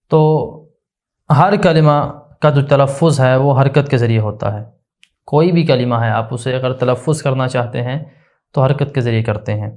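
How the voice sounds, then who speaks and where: A man giving a religious grammar lesson, slowly explaining and drilling each point by asking a question and answering it himself. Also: medium pitch, darkish tone. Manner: slow, deliberate, repetitive explanation. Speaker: religious teacher.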